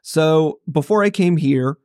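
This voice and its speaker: A man, a pastor co-hosting a church podcast, telling stories in a wry, lively, casual way. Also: fairly high pitch, measured pace, no echo, clean studio sound. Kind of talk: casual conversation.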